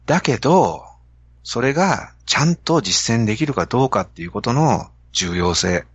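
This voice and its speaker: Lively Kansai man explaining on a podcast. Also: mid-range voice, normal speed, slightly rough, no room sound, lo-fi sound. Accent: Kansai Japanese. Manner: animated storytelling, explaining a business idea. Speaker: podcast host. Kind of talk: casual podcast talk.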